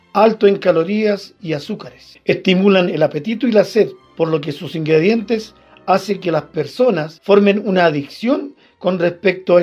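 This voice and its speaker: A man's voice: high-pitched, a little mellow. A man, a teacher giving a formal, explanatory lesson to pupils. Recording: dull lo-fi recording.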